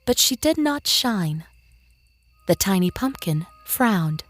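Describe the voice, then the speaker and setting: Speaking in a medium pitch, a woman narrates a scripted children's story for very young listeners, keeping her delivery gentle, expressive and measured.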